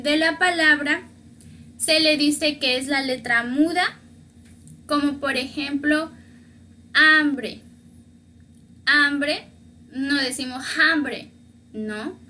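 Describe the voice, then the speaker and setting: High, bright-voiced woman teaching. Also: a little hiss or hum. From Mexico. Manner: patient, repeats words slowly to model pronunciation. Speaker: Spanish teacher. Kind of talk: beginner language lesson.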